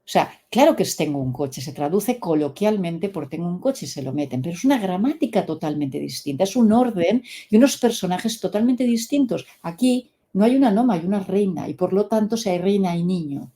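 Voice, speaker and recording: Animated woman, low mellow voice. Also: fairly quick, hardly any pauses. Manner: animated storyteller, acts out quoted dialogue. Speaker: English method creator, interview guest. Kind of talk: casual interview explanation.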